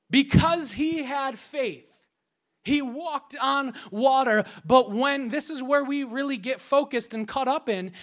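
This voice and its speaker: A man preaching a sermon. He acts out scripture scenes and sometimes drops to a hushed, prayerful tone. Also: very high-pitched. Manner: acts out scripture scenes and crowd voices with playful sound effects.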